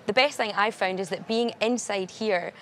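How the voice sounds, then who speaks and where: A woman's voice: mid-range voice, normal speed. A young woman, a climate campaigner speaking earnestly and articulately in a live news interview at a summit. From Glasgow, Scotland. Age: young adult. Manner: earnest, steady and articulate, stressing urgency. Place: at a large climate summit venue.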